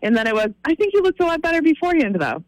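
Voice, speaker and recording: Lively woman caller with swooping voice. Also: high-pitched, racing, no room sound, poor audio. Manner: animated, expressive. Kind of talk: phone-in story.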